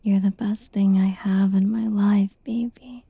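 A woman whispering a tender, reassuring girlfriend roleplay in a soft, soothing ASMR style. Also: mid-range voice, fairly even intonation, a little slow, vocal fry, husky, no echo, highs cut off.

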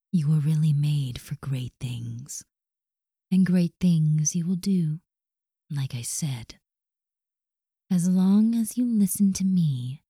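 A woman performing a scripted audio roleplay in a commanding, dominant manner, often dropping into soft whispers close to the mic. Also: lowish voice, breathy edge, dry recording.

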